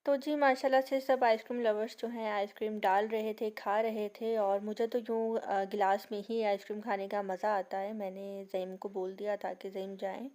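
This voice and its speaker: A young woman from Pakistan narrating a family vlog in a chatty way, filling pauses with "jo hai" and talking slowly because of a sore throat and fever. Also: medium pitch, flat delivery, darkish tone. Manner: chatty, leans on the filler "jo hai". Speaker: family vlogger.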